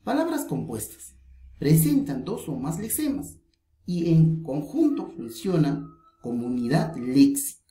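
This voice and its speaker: A woman teacher from Peru giving a recorded grammar lesson, explaining rules slowly and stressing each example word. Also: deep voice, very animated, mellow, roomy sound. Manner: slow, deliberate explanation with stressed example words.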